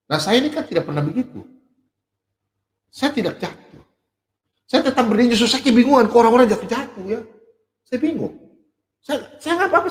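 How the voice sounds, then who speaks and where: A middle-aged man from Sulawesi preaching a sermon, animated, switching between loud emphatic points and soft asides. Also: sits high. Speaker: pastor. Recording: echoey hall with long reverb.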